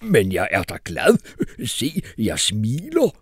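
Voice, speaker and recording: A man voicing an odd old former mercenary who speaks slowly and stiffly. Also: fairly low pitch, huge pitch swings, husky, dry recording, studio quality, exaggerated voice. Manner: slow, drawn-out speech.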